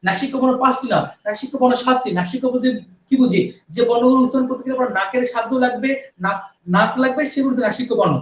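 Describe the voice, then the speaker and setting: Male teacher, high voice, dull distant recording. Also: racing. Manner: explains by asking and answering himself, repeats key points. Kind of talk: grammar lesson. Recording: echoey, distant, dull sound.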